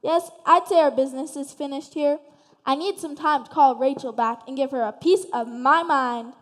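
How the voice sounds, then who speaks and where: A self-important fairy-tale diva who moans and sasses, as a woman acts her out on stage. Her high voice carries dramatic flair. It echoes through a large hall. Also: moderate pace, close to an everyday voice. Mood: haughty. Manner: sassy, dramatic, complaining. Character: vain diva fairy-tale princess, then complaining pig. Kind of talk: stage play performance.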